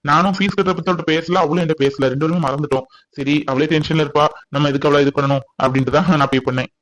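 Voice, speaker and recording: A man's voice: on the high side, steady tone, very fast, fairly bright tone, natural voice. A man voicing a kind, easygoing young college man in a cartoon, explaining things casually. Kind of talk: cartoon voice acting.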